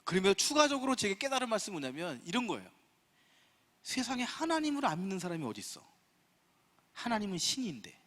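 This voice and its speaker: A man's voice: high-pitched, huge pitch swings, quick pace, long pauses, fairly bright tone, in a large hall. A middle-aged man giving a church seminar talk, telling humorous personal stories and acting out dialogue with God. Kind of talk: humorous preaching-style lecture with personal stories. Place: church sanctuary.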